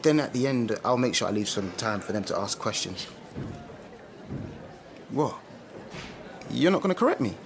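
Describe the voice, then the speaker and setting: Voicing an outspoken, street-smart young Londoner who went from musician to speaker, the actor sounds fairly low and very animated, with vocal fry and long pauses at a moderate pace. It's upbeat, slangy, opinionated naturalistic radio drama, with a little hiss or hum on the track.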